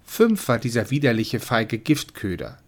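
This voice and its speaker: A man voicing gentle, unyielding Death as a bird. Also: mid-range voice, sing-song, moderate pace. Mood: firm. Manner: soft, kind but unyielding.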